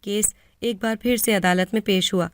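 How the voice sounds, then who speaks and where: A woman's voice: medium pitch, steady tone, no echo, studio quality. Earnest woman telling a story. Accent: Pakistani Urdu. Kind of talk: first-person story narration.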